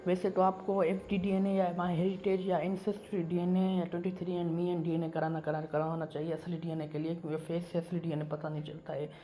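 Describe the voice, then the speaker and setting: A man's voice: a little high, level tone, fairly quick, hardly any pauses, mellow, slight background noise. A man from Pakistan, talking casually to camera as a YouTuber, emphatic and repeating himself. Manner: repetitive and emphatic, circles back to the same points. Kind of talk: casual vlog monologue.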